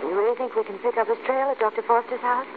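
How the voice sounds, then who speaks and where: An actress in a 1940s radio thriller playing an anxious, devoted amateur sleuth in an earnest dramatic style. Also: female voice, a little high, fairly even intonation, quick pace, phone-quality sound, lightly acted. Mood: worried. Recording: thin, hissy 1940s radio recording.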